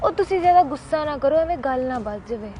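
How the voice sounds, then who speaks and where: A woman's voice: high-pitched, animated, quick pace, crowd noise. A young woman playing a caring girlfriend who keeps reassuring him. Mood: pleading. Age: young adult.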